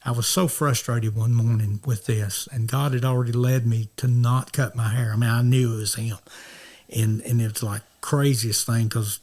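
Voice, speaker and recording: A middle-aged minister from North Georgia, interviewed as a guest, tells stories casually in a medium-pitched, darkish voice with fairly even intonation at normal speed. He rambles, often restarting, and acts out the dialogue.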